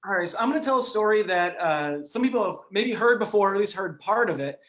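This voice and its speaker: A man hosting a casual history chat, easygoing with lots of "uh"s, reading an old letter aloud slowly and earnestly. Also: high voice, expressive, fairly bright tone. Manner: easygoing, with filler "uh"s and laughs, reads slowly and earnestly. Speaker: historian podcast host.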